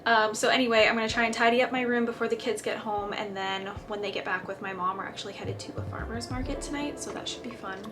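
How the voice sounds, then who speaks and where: A woman's voice: a little high, steady tone, fast, few pauses, noisy background. A woman in her thirties talking candidly about home cleaning in a casual vlog voice-over, a little weary.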